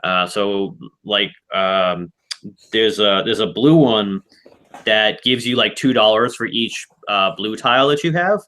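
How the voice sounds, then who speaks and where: A man's voice: lowish voice, unhurried, sharp tone. A man hosting a casual online board game club, explaining rules and strategy in a rambling way with frequent restarts.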